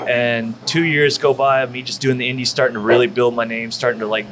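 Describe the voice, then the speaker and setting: Former wrestler guest from Texas, mid-pitch male, cussing and rambling, audible restaurant noise. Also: fairly even intonation, fast talker. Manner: profane, rambling, full of fillers. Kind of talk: casual storytelling. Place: barbecue restaurant.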